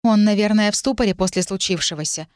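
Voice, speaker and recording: A woman's voice: medium pitch, fast, a little mellow, dry recording, studio quality, voice pushed up, lightly acted. A woman voicing a caring, decisive young woman fire mage in a fantasy audiobook.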